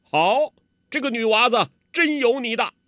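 A man doing a booming old beggar master. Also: lively intonation, measured pace, a bit bright, no room sound. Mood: jovial. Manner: gruff, bantering, booming. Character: jovial old male beggar martial master.

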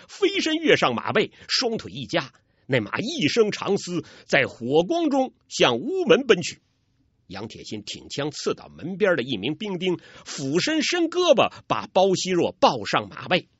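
A man narrating a martial arts story in a lively, dramatic storytelling manner. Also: fairly high pitch, moderate pace, breathy edge, no room sound. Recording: dull, dry recording.

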